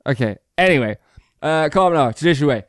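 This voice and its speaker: A man's voice: a little high, animated, fast, no room sound, clean studio sound. A young man co-hosting a podcast, drunk, rambling and joking with a laugh. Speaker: podcast co-host. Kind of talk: drunk casual chat.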